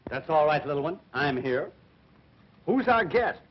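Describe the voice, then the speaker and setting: A man's voice: a little high, very animated. A brash con man, early talkie sound. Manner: fast, boastful patter with chuckles. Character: brash, wisecracking male con man promoter. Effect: early 1930s talkie film soundtrack. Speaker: hotel promoter. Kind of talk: 1930s screen comedy acting. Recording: muffled, faintly hissy 1930s film sound.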